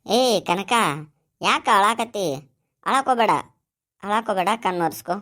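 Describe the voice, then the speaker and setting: A woman voicing a young village man working abroad, gentle and pleading, with a North Karnataka Kannada accent. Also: medium pitch, measured pace, lightly acted. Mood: soothing. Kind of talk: cartoon voice acting.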